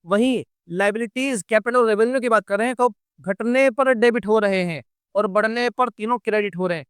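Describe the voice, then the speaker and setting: High-voiced, clear male teacher. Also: a little fast, no room sound, clean studio sound. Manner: patient, repeats key points, addresses students as kids. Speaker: commerce teacher. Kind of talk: classroom-style lesson.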